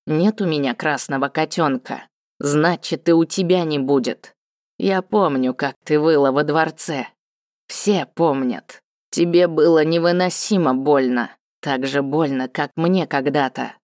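Woman reader doing a vengeful male cat-folk villain for a fantasy audiobook, cold and low, dry close read. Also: measured pace, a little mellow, no echo. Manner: cold, low and hissing with hatred. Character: bitter vengeful male cat-folk lord, middle-aged.

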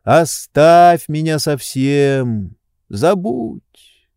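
A man voicing a weary, gentle nobleman who pleads to be left alone, in a soft, imploring voice. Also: on the high side, big pitch swings, drawn-out words, clear, resonant tone, no echo, clean studio sound, pitched above the performer's own voice, heavily acted. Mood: pleading.

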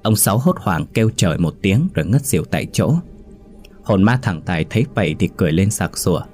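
Deep-voiced man narrating a ghost story. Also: lively intonation, fast talker, a little mellow, soft background music. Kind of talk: scripted horror story narration.

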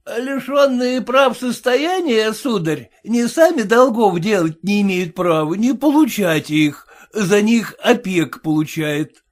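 A man's voice: sits high, expressive, slow, pitched above the performer's own voice. A man voicing a group of mocking merchants who jeer at a card player in a story reading. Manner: teasing, mocking banter.

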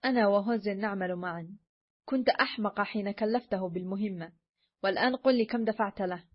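A cunning male adventurer talks his prey into a trap, sly and insistent, voiced by a woman reading the story aloud. The pitch sits in the middle. The recording sounds dull and lo-fi. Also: a little fast, husky, close to an everyday voice. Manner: sly, pressing.

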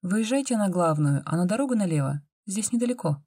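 A woman's voice: medium pitch, expressive, brisk, mellow, husky, dry recording, clean studio sound, voice pushed up. A woman voicing a stubborn nineteen-year-old girl with an insistent, pleading manner.

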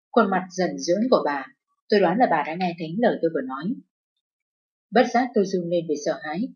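A woman narrating a dramatic first-person story in a steady, emotive storytelling voice. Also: fairly low pitch, breathy edge. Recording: dull lo-fi with faint music.

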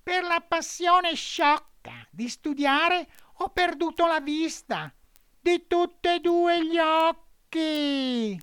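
A man's voice: very high-pitched, drawn-out words, sharp tone, dry recording, clean studio sound, pitched above the performer's own voice, full character voice. A man voicing a sly cat pretending to be blind, in a storybook reading. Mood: whining. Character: sly sham-blind tomcat.

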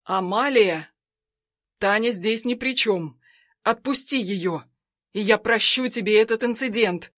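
A woman voicing a desperate husband who pleads with an armed woman and shouts urgent threats to save his wife. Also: mid-range voice, a little slow, dry recording, studio quality. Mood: urgent, pleading.

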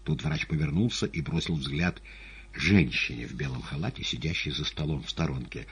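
Casting: male audiobook narrator, low husky voice, lively dramatic reading. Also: moderate pace. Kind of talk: expressive literary narration.

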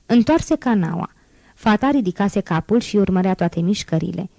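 A woman reading a classic novel aloud as an audiobook, in a calm, measured storytelling manner. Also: mid-range voice, gravelly, no room sound. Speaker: audiobook reader.

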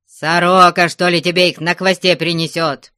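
A man reading aloud, voicing a domineering old merchant who scolds and shouts, in a storybook reading. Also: high voice, little pitch movement, normal speed, clear, resonant tone, no echo, studio quality. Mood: angry.

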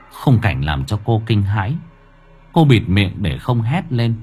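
A man narrating a horror story in a dramatic, expressive way. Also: mid-range voice. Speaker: audiobook narrator.

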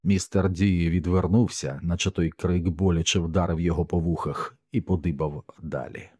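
A man narrating an audiobook in a measured, somber storytelling manner on a close mic. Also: low voice, steady tone, dark tone, slightly rough, dry recording.

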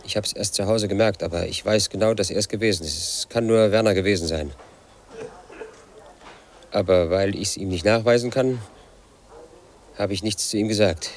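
Speaking at a moderate pace with long pauses, this man has a lowish, fairly natural voice, with slight background noise. He is an actor in his late thirties voicing a brooding, suspicious house painter, the lonely protagonist narrating his life in a bitter inner monologue for radio drama.

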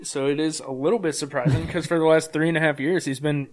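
Chill guy cohosting a podcast, kinda high voice, laughs a bunch. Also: steady tone, fast. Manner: laid-back, laughs often. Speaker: podcast co-host. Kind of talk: casual chat.

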